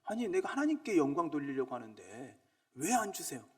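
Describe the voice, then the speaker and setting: A man's voice: a little high, big pitch swings, brisk, recorded from a distance. A man voicing God in a short sermon story, scolding in blunt, mock-exasperated questions.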